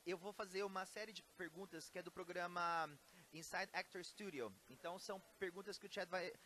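A man's voice: high-pitched, quick pace, bright, forceful tone. A man, hosting in an upbeat, playful way. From Brazil. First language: Portuguese. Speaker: host. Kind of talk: casual video chat. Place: hotel room.

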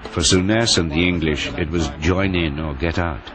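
Man, very deep voice, documentary narration, measured, music underneath. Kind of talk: scripted narration. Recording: voice-over with music beneath.

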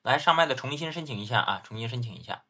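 A man's voice: medium pitch, lively intonation, rapid-fire, vocal fry, sharp tone, slightly rough. A man hosting a livestream, talking with callers in a casual, exasperated way and repeating his thanks to donors. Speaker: livestream host taking callers. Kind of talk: casual live-stream chat.

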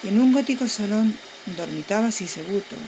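A woman's voice: mid-range voice, lively intonation, normal speed, creaky, dark tone, a little hiss or hum, rough recording. A woman storyteller reciting a comic verse tale with a playful, rhythmic delivery. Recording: music playing behind the voice.

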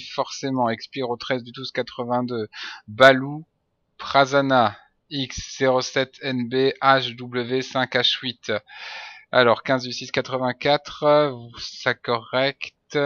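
Male let's play commentator, joking mock-authoritarian border-guard act, bright voice, slightly dull recording. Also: mid-range voice.

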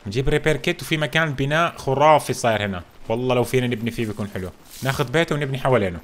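Fast, excitable man narrating a game. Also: medium pitch. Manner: animated, jokey, exclaims often. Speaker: gaming video host. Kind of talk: excited gameplay commentary.

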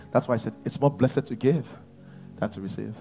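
A pastor in his thirties with a Nigerian English accent, preaching a sermon on a large church stage and swinging from shouts to near whispers. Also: mid-range voice, moderate pace, faint music behind.

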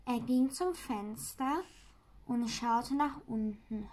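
Woman reading a kids book out loud, super slow, a bit high. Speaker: reader of a children's book. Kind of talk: reading a children's book aloud.

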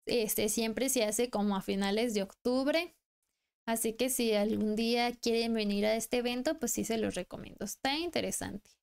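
A woman's voice: fairly high pitch, moderate pace, creaky, darkish tone, clear, resonant tone. A young woman with a Mexican accent, chatting casually and rambling while streaming a game. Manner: chatty, rambling, laughs often. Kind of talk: casual live-stream chat. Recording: faint music behind.

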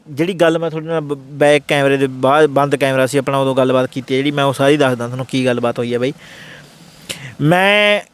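Fast-talking man telling his story. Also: medium pitch, clear, resonant tone. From Punjab. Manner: rapid, earnest telling that acts out the others' words in quotes. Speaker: interview guest. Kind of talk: casual first-person storytelling.

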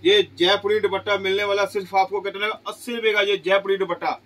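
A middle-aged man pitching goods in a small clothing shop, asking each price aloud and answering it with exclamations. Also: flat delivery, fast, fairly bright tone, poor audio. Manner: repeats prices as questions, exclaims "wah ji wah". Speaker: shop seller. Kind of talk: sales pitch.

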